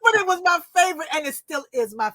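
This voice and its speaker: A woman who writes and illustrates children's books, telling personal stories as an interview guest in an expressive, animated way. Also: extremely high pitch, quick pace, no echo. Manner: expressive, animated storytelling with acted-out voices. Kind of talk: storytelling in an interview.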